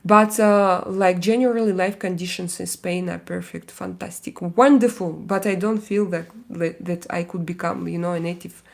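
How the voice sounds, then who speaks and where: Chatting with her viewers on a casual live stream, this Russian mother of young children speaks English with a Russian accent, pausing and filling gaps often. Her voice sits fairly low, steady in tone, slightly mellow, with some vocal fry.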